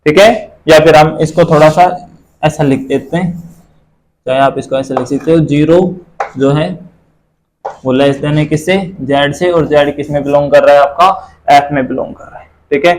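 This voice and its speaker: A man's voice: on the high side, steady tone, normal speed, a little hiss or hum, low-quality recording. A man teaching a math class, asking and answering his own questions and repeating the key terms.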